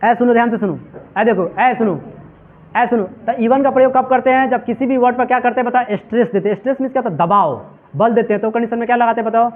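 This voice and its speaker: Man, teacher, very high voice, drills the class with repeated questions, thin phone-like sound. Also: quick pace. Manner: repetitive call-and-response questioning; addresses students as "my children". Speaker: English teacher. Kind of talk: classroom lecture. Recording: tinny phone-like audio.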